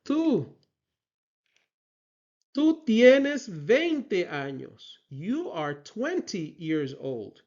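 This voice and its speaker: A man teaching a Spanish lesson, repeating each phrase slowly before translating it and checking in with "right?". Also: high-pitched, sing-song, a little mellow. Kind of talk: slow, deliberate language lesson. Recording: dull, lo-fi recording.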